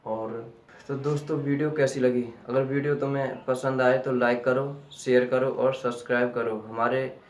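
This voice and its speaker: A man teaching a grammar lesson slowly, repeating key terms back as questions to his students. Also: mid-range voice, flat delivery, a little hiss or hum. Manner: slow and deliberate. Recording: echoey room, voice from a distance.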